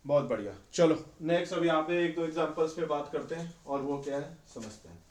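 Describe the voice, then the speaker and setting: A man's voice: a little high, expressive, a little fast, a little mellow. A male chemistry teacher giving a conversational exam-prep lecture, often asking students rhetorical questions. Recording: echoey room.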